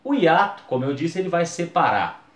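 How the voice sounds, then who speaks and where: A man's voice: a little high, very animated, normal speed, fairly bright tone, roomy sound. A man, teaching a video lesson and drawing out key words for emphasis.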